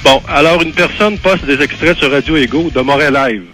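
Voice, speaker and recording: A man's voice: on the high side, brisk, sharp tone, soft background music, poor audio. A man in his fifties with a Québécois French accent, calling into a radio show and reading a formal statement with hesitant restarts. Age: 50s. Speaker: caller. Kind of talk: phone call into a radio show.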